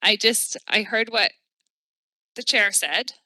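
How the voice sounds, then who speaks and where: A woman's voice: mid-range voice, slow, bright, forceful tone, no echo. A woman on a commission, asking probing, pointed questions about procedure at a public meeting.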